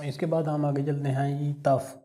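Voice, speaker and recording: A man's voice: fairly high pitch, level tone, moderate pace, dark tone. A man with a Pakistani Urdu accent teaching an alphabet lesson step by step, patiently repeating each sound. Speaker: language teacher.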